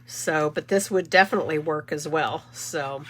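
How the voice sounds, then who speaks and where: A card-making channel's middle-aged host talks through a casual live demo in a chatty, rambling, self-correcting way, her voice stuffy with a cold. She sits low at a moderate pace with a fairly bright tone, over slight background noise.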